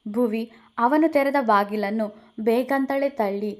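A woman narrating a romance story in a plain, steady reading voice. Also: fairly high pitch, unhurried.

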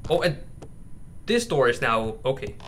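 With a medium-pitched, very animated and slightly bright voice at a measured pace, a gaming YouTuber nervously and casually commentates a horror game. He calls his viewers bros and mate, and clear background noise with game ambience runs underneath.

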